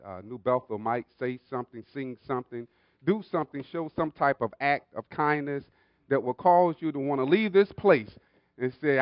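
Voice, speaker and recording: A man's voice: medium pitch, no echo. A man preaching as pastor in a church, calling for amens after nearly every phrase and building into a fervent prayer. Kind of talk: sermon and prayer with call-and-response. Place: church sanctuary with congregation. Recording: dull lo-fi livestream audio.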